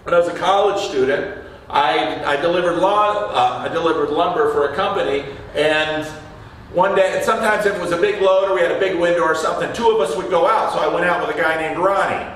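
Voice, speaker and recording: In a church sanctuary, a pastor delivers a sermon in a conversational style, chatting with the congregation and asking them questions. His voice is on the high side, a bit bright, and a little fast. It was recorded from far off in an echoey church hall.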